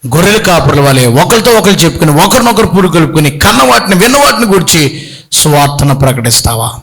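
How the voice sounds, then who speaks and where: A middle-aged man preaching a sermon, telling stories with acted-out voices and swings between loud pleading and quiet speech. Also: fairly high pitch, quick pace, slightly rough. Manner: animated storytelling, acts out voices, pleading shouts. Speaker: bishop preaching.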